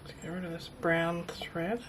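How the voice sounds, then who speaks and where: Middle-aged woman, lower-pitched, informal craft demo narration; tinny, tin-can camera-mic sound with noticeable background noise. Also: little pitch movement, normal speed. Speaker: craft video maker. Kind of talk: casual craft demonstration, thinking aloud. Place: indoors at a craft table. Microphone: built-in camera microphone, overhead at a distance.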